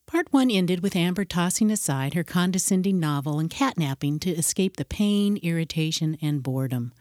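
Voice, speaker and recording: Low-voiced woman podcast narrator. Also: animated, normal speed, darkish tone, no room sound. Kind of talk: scripted narration. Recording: dry close recording.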